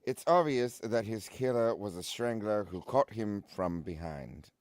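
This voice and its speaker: A man reading the part of a starship engineer playing Dr. Watson at a live script table read, in an expressive, slightly halting way. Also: lowish voice, slight background noise. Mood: puzzling.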